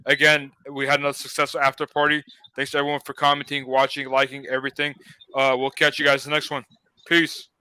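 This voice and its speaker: The host, a young man from the LA area, talks through a casual live-stream hangout in a rambling, easygoing style heavy on fillers. His medium-pitched delivery is completely flat, quick, sharp, and smooth, with no room sound.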